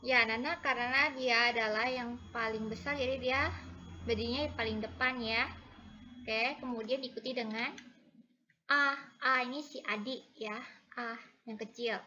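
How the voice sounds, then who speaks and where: Woman teacher, high bright voice, keeps saying ya to the little kids, sounds out syllables nice and loud, mixes indonesian and mandarin. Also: fairly even intonation, rough recording. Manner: patient, repeats "ya" and "anak-anak" constantly; drawn-out, loud modeling of syllables. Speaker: primary school teacher. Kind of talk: recorded lesson for first graders.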